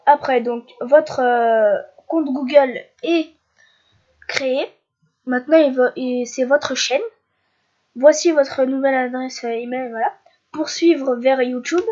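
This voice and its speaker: Congested from a cold, a young Frenchwoman narrates her screen-recorded YouTube tutorial, tripping over fillers and starting sentences over. Her voice sits high yet sounds darkish, captured by a dull, lo-fi home microphone.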